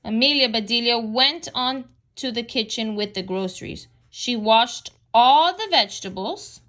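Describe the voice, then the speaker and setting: A woman's voice: fairly high pitch, expressive, measured pace, fairly bright tone. A woman reading a children's book aloud, announcing each page turn. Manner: announces page turns, chuckles. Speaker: reader.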